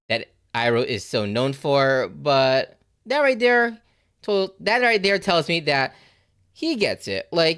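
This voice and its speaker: A man giving casual, animated reaction commentary on a TV episode, swearing freely and saying "like" and "you know" a lot. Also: mid-range voice, clean tone. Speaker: reaction video host.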